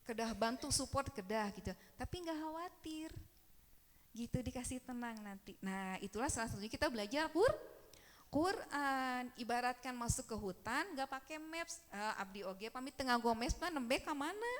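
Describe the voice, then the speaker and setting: A woman with a Sundanese accent giving a casual, lively Quran study talk, acting out little everyday scenes as she teaches. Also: high voice, moderate pace, big-room sound.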